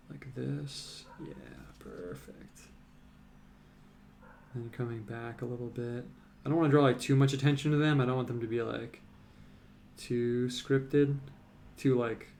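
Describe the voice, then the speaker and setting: A relaxed man talking through a live painting stream, his voice gravelly with plenty of vocal fry. He rambles in a loose, easygoing way, piling on "like"s as he works. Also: mid-range voice, a little hiss or hum. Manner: rambling, relaxed, many "like"s and fillers. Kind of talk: casual live-stream chat while painting.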